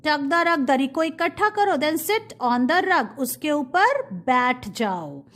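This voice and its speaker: Slow, high-voiced Indian woman teaching. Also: sing-song, fairly bright tone. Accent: Indian English. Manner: slow, spelling out words letter by letter and explaining in Hindi. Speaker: kindergarten teacher. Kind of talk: online English lesson.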